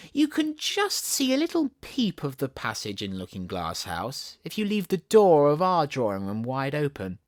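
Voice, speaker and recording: With a Southern English accent and a mid-range voice, a storybook narrator voices a chatty, imaginative, bossy little girl. The character comes across as playful and full of wonder.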